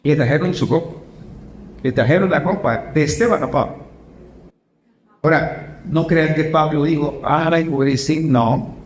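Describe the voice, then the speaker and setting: A pastor with a bright, high voice preaches to his congregation, often turning to ask them questions. His phrasing speeds up and slows down as he goes. The sound carries a roomy church echo with a faint hum of ambience behind it. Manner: asks the congregation questions, shifts between quick and slow phrasing. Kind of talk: sermon. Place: church hall.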